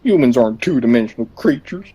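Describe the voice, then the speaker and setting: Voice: medium pitch, expressive, quick pace, mellow, husky, lo-fi sound, soft background music, voice pushed down. A player reading aloud the lines of a cheerful teenage girl club president from a visual novel. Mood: musing.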